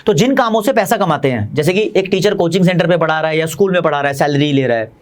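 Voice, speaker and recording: A man with an Indian accent teaching commerce in a fast, chatty online lecture, talking straight to his students. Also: on the high side, expressive.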